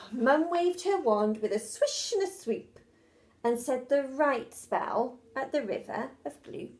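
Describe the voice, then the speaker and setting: A woman teacher reads a rhyming children's story aloud. Her voice is high and she takes her time, in a rhythmic, sing-song delivery. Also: expressive, takes it slowly.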